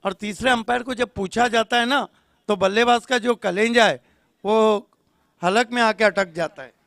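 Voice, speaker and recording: A man giving live cricket commentary, full of quips, who jumps to loud calls on big moments. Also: high-pitched, normal speed, dry recording, studio quality.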